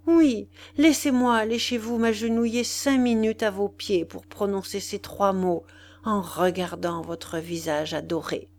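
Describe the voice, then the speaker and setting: A woman's voice: mid-range voice, fairly even intonation, measured pace, a little mellow, lightly acted. A woman reading an ardent young lover pleading. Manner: urgent, insistent pleading.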